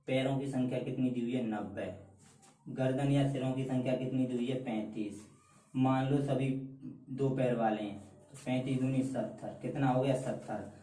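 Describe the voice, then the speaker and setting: A man's voice: mid-range voice, mellow, roomy sound, recorded from a distance, rough recording. A man teaching a math lesson at a board, emphatic, repeating key answers and calling his students "beta". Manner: calls students beta, mocks shortcut tricks.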